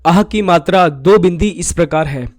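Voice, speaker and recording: A man explaining a grammar lesson in a slow, explanatory way, often telling the listener to look. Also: high voice, dry recording, clean studio sound. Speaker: teacher. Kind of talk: scripted Hindi grammar lesson.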